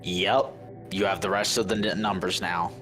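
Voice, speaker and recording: Man, game master, low voice, measured narration, faint music behind. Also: steady tone.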